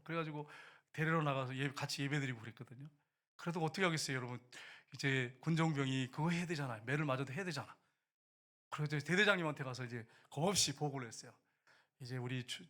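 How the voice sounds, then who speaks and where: A middle-aged man preaching a sermon, telling a personal army story with lively swings between soft asides and loud exclamations. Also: on the high side. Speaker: pastor.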